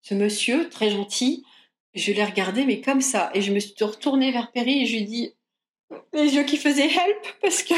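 A woman's voice: fairly high pitch, reverberant. A French woman guest in a casual interview, talking with many hesitations and restarts. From France.

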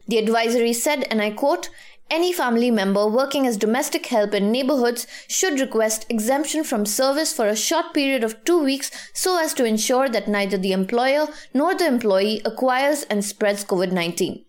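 A woman with an Indian English accent presenting scripted news in a measured, formal and articulate manner. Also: a little high.

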